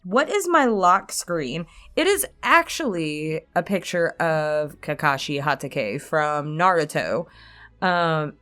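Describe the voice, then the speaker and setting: A woman with a low-pitched yet fairly bright voice casually answers questions from her subscribers as an online creator. Her manner is candid and self-deprecating, and she swears without holding back.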